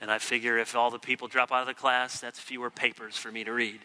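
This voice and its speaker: A man's voice: mid-range voice, level tone, quick pace, pushed and bright, slight background noise. A man preaching an expository sermon, teacherly, who acts out the quoted complaints from scripture. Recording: long hall reverb.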